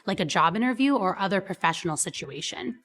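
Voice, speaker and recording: A woman's voice: mid-range voice, animated, fast talker, fairly bright tone, soft background music. A woman with a mid-range voice narrates a scripted explainer. Her delivery is formal and informative.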